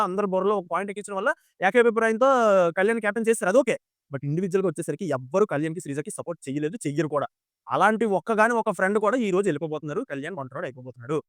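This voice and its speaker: Rapid-fire man ranting. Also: high-pitched, no echo, studio quality. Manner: rapid, animated, rhetorical questions to viewers. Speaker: YouTube commentator. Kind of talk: casual commentary on a reality show.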